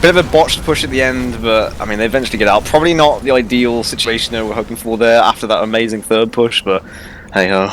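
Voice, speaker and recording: Male esports caster, rapid and excitable live match commentary, clearly noisy recording. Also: mid-range voice. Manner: excitable, exclamatory.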